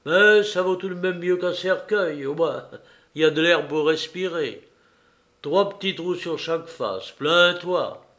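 A man reading an audiobook, voicing a cool, commanding gentleman burglar who gives brisk, ironic orders, a little higher and louder than his narration. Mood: mocking. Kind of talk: audiobook character voice.

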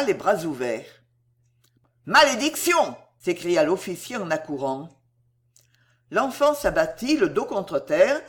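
A narrator reading a war story aloud with an expressive, dramatic delivery. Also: mid-range voice.

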